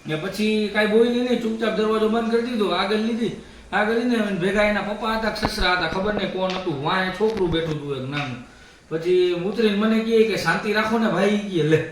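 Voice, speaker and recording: A man's voice: high voice, fairly quick, slight background noise. A man casually telling a story on a family vlog, acting out what others said. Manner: animated retelling with acted-out quotes. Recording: very echoey room, distant mic.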